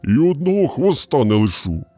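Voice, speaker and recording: A man's voice: mid-range voice, very animated, warm tone, no room sound, faint music behind. A man voicing a huge, hungry, furious bear in a children's fairy tale, roaring and dragging out his words. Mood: raging. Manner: roaring, drawn-out growling delivery. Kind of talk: storybook character voice.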